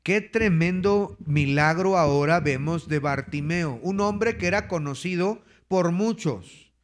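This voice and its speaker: A man's voice: fairly high pitch, measured pace. A man preaching a sermon, reading scripture aloud and commenting on it with emphasis, often calling his listeners brothers.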